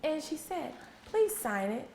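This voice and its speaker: Slightly slow and mellow yet very animated, a high-sitting woman's voice guides young children through an interactive read-aloud. The preschool teacher encourages them patiently, posing questions and repeating answers in an echoey classroom with faint background noise.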